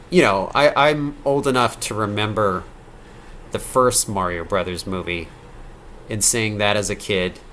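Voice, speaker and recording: A tired man in his thirties hosts a late-night live-stream Q&A about his game. His voice sits fairly low, and he rambles and restarts his sentences. A faint hiss runs underneath. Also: fairly bright tone. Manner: rambling, self-correcting, reads donor questions aloud. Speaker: game developer answering live chat questions.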